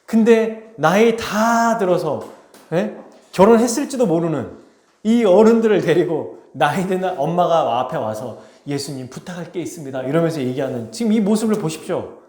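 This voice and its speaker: A man preaching a sermon, his fairly high voice swinging widely in pitch. He talks with the congregation and asks them questions, and he acts out the scripture scenes in dramatic quoted voices. The sound is roomy and echoing, as in a church hall. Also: expressive, moderate pace, a little mellow. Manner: dramatizes the text with acted quotes. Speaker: pastor. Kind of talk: expository sermon. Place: church sanctuary.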